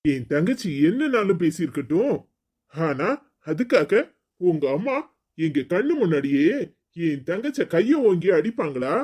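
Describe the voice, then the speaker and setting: A proud, hot-tempered husband in a cartoon story, played by a man. His voice sits high for a man, and he scolds and threatens his in-law with angry force. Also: big pitch swings, unhurried, a little mellow, breathy edge, heavily acted. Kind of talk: cartoon voice acting.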